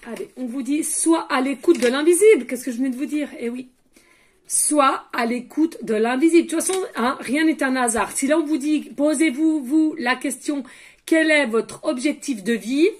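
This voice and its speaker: A high-voiced woman gives a casual oracle card reading as a medium. She talks straight to her viewers in a chatty way, with lots of little asides and questions. Between cards she drops to a soft murmur to ask the universe for more messages. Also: moderate pace.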